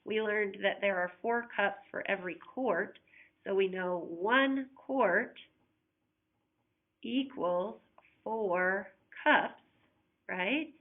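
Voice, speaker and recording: A woman's voice: mid-range voice, slow. A woman math teacher patiently walking students through unit conversions step by step, with a recurring cough. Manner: patient, talks through each step, asks students to check along. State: coughing repeatedly. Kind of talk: recorded flipped-classroom math lesson. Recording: tinny, phone-like audio.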